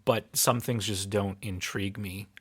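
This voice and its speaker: A man's voice: on the low side, fairly even intonation, unhurried, slightly rough. A man co-hosting a music podcast, chatting loosely in a rambling way that keeps breaking off and restarting. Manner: rambling, self-interrupting, laughs often. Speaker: podcast co-host and guitar teacher. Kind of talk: casual chat about music. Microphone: studio mic, recorded in home studio software.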